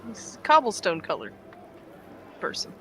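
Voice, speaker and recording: A woman's voice: mid-range voice, wildly swooping pitch, moderate pace, pushed and bright. Woman, tabletop player, casual chat, music behind.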